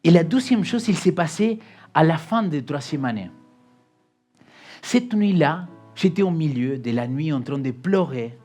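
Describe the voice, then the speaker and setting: A man from Argentina preaches with a clear Argentine Spanish accent. He tells his story dramatically, going from loud emphasis to hushed, almost broken confession. Soft music plays faintly behind him. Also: a little high, animated, measured pace. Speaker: pastor. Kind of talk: emotional storytelling sermon.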